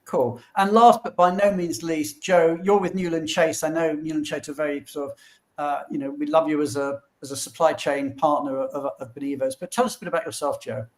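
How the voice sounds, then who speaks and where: A man hosting a live webinar, excitable and rambling, with frequent restarts. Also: a little high, a little fast. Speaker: webinar host.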